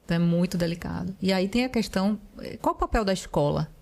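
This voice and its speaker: A woman's voice: lowish voice, lively intonation, fast talker, gravelly, a little mellow. A woman hosting a podcast conversation, reflective and hesitant, with many fillers. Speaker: podcast host.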